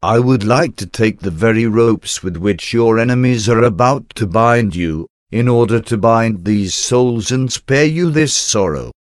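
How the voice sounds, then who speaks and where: A man slowly reading a devotional prayer aloud in a reverent, measured way. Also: medium pitch, no room sound, studio quality. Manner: slow, reverent, measured recitation.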